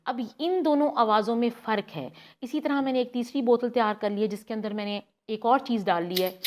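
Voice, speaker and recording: A woman, guiding parents step by step and demonstrating words slowly. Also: a little high. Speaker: speech therapy guide for parents. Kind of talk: instructional demonstration.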